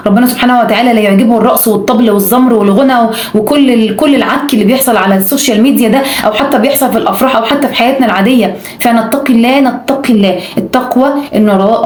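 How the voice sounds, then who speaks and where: A woman with an Egyptian Arabic accent preaches quickly and emphatically, pressing each point again and again. Her voice sits a little high, and the sound carries the echo of a reverberant room. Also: a little mellow. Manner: emphatic, repetitive urging. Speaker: religious speaker. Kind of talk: religious exhortation to camera.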